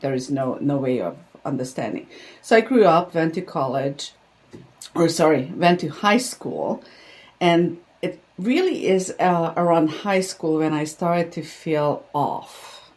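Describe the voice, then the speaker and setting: An older woman with a Hungarian accent, a podcast guest telling her life story in a warm, reflective way. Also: sits low, expressive, measured pace. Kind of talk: podcast interview.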